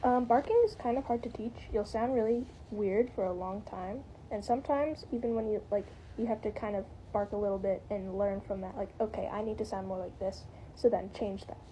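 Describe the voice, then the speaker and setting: A woman's voice: medium pitch, fairly quick, dark tone, lo-fi sound, slight background noise. A woman giving a casual, rambling spoken tutorial, hedging with lots of "like" and "kind of". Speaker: tutorial maker.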